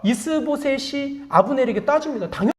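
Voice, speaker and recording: A woman's voice: high-pitched, expressive, brisk. A woman pastor preaching a sermon. She asks the congregation many rhetorical questions, prompts them to repeat after her, and admits her own faults. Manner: confessional, self-deprecating asides; call-and-response prompting.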